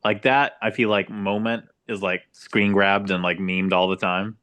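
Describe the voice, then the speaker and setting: A man's voice: lowish voice, level tone, a bit bright, clear, resonant tone. Enthusiastic man co-hosting a podcast. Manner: enthusiastic, quick to laugh. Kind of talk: casual chat.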